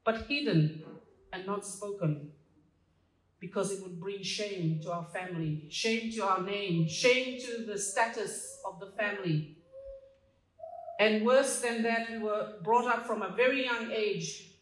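With slight background noise, a Fijian woman in her fifties speaks unhurriedly in a mid-range voice at a stand microphone. As community association president, she reads a personal speech from notes, laughing at her own jokes. She's filmed at a distance in a small dark stage hall with roomy sound.

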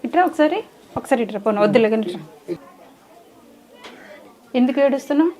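A woman hosting an interview, coaxing a child with soft, repeated questions. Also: a little high, fairly quick, music in the background. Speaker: host. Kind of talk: casual interview.

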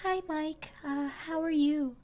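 A man's voice: extremely high pitch, fairly even intonation, takes it slowly, a little mellow, voice pushed up. A man using a voice changer to sound like a sweet, hesitant young woman, stammering through a prank call. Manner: hesitant, with many ums and stammers. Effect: voice changer making him sound like a young woman. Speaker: online creator baiting a scammer.

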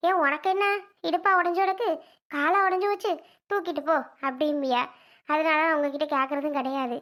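Brief: woman as a put-upon rural wife, very high-pitched, pleading and shrill. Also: fairly even intonation, brisk, fairly bright tone. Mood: defiant. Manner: pleading, then shrill and alarmed. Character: put-upon village wife standing up to husband. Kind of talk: homemade village comedy skit.

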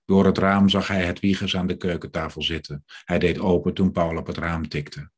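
A man reading aloud from his novel in a measured, steady way. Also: deep voice, slightly rough. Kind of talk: literary reading.

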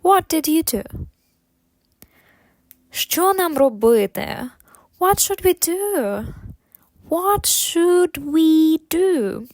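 A woman teaching English phrases, saying each one slowly and clearly, then repeating it with expressive intonation. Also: on the high side, no room sound. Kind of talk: slow phrase drills with Ukrainian translations.

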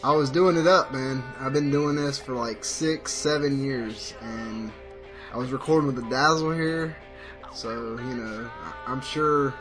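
A man's voice: mid-range voice, unhurried, over music. A man in his thirties, slightly under the weather, chatting casually and repetitively as a gaming YouTuber in his bedroom. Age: 30s. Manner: laid-back, chatty, repeats himself. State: slightly sick. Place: bedroom gaming setup, indoors. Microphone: desktop USB mic.

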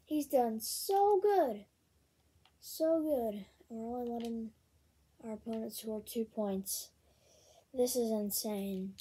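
A woman casually talking through a video game, with many ums and excited bursts over card pulls. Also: a little high, takes it slowly, pauses often, a little hiss or hum. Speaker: gaming channel host. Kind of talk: casual gameplay commentary.

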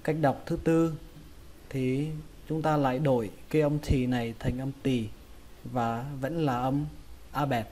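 Man slowly teaching pronunciation. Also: medium pitch, steady tone, darkish tone. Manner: slow, drawn-out repetition of words. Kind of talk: casual lesson.

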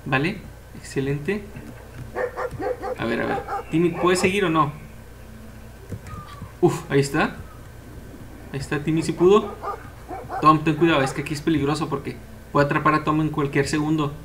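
An excitable young man chats through a game, his voice sitting a little high. He cheers the characters on in a casual let's-play style, with a faint hiss behind him. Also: normal speed, long pauses. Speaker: gameplay commentator.

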